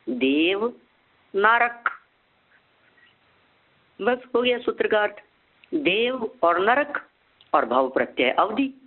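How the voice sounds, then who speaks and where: A man teaching a scripture lesson, asking and answering his own questions and repeating key terms slowly so they can be memorized. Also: on the high side. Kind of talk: scripture lecture. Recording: phone-like narrow sound.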